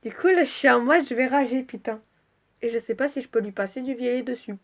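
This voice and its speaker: Woman vlogging about her drawings, highish voice, scattered and sweary, stuffed up from a cold. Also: quick pace. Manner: chatty and scattered, swears freely. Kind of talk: casual rambling vlog.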